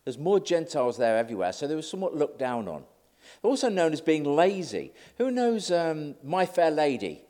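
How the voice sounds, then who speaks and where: A man's voice: on the high side, sing-song, moderate pace, a little mellow. A middle-aged man giving a conversational, self-deprecating sermon. He says he is slightly nervous. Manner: chatty, self-deprecating, acts out quotes. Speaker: lay preacher.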